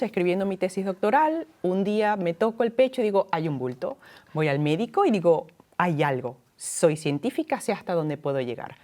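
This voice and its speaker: A woman scientist on a talk show, recounting her own experience earnestly, her voice dropping soft and low. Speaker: guest, scientist. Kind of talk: personal testimony in a talk show.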